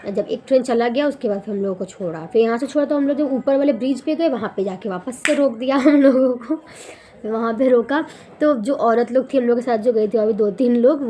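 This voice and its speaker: Young woman retelling a trip, animated. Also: fairly high pitch, slight background noise. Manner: animated, rambling retelling with self-corrections. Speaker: vlogger. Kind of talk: casual storytelling vlog.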